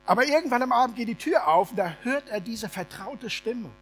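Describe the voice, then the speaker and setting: Animated man preaching a story. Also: very high voice, brisk, slight background noise. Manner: animated, humorous, colloquial. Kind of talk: sermon told as a lively story.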